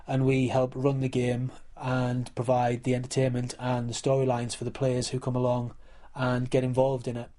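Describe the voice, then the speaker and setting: A man's voice: mid-range voice, monotone, moderate pace, few pauses, warm tone. A man who works as a game organiser, explaining earnestly in a documentary interview. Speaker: live role-play coordinator and referee.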